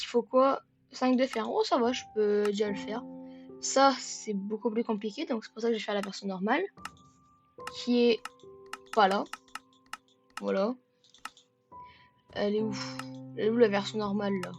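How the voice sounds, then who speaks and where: A woman giving let's-play commentary in a joking way. She stammers and repeats words, and bursts into shouts at the game. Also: fairly high pitch. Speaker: gaming video creator.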